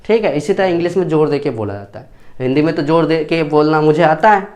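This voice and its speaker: A man's voice: on the high side, fairly quick, darkish tone. A man. He goes over every point more than once and keeps checking that the students follow. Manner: repeats points and checks understanding often. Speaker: English teacher. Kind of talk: classroom grammar lesson in Hindi.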